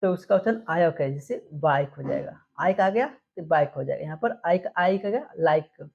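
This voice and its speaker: Woman teacher, low husky voice, explains rules slowly and drills example words, dull lo-fi recording. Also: lively intonation, a little mellow. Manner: repeats words and quizzes with questions. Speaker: English spelling teacher.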